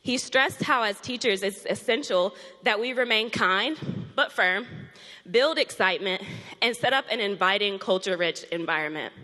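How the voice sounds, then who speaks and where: Bright-voiced young woman teacher in a hall. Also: mid-range voice, lively intonation, moderate pace. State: out of breath. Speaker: fourth grade teacher. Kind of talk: speech to an audience. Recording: long hall reverb.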